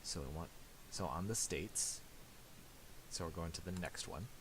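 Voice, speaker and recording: This casual software tutorial comes from a deep-voiced man who halts and mumbles as he talks. Clicks and hiss mark the home recording.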